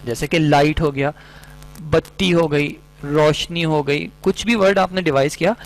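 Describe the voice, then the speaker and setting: A man gives an online Arabic grammar lesson in a slightly higher-than-average voice. He explains patiently, piling up everyday examples one after another. A faint hum sits under the recording. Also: poor audio. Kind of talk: online lecture.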